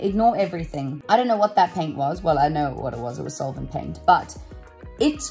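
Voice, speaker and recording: A woman's voice: on the low side, darkish tone. A young woman, chatting casually to camera in a renovation vlog from rooms in her home, self-deprecating and lightly swearing. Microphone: handheld camera or phone at arm's length.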